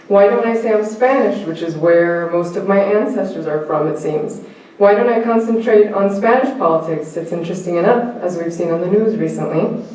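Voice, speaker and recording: A woman's voice: medium pitch, warm tone. Woman reading a personal essay in an echoey hall. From United States. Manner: reflective, lightly humorous, addresses the audience directly. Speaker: conference speaker. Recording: echoey hall, distant mic.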